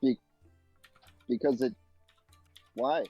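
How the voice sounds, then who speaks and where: A man's voice: mid-range voice, very animated, extremely slow, gravelly, warm tone, faint music behind. A man playing a tabletop game in casual chat, recorded on dull lo-fi audio.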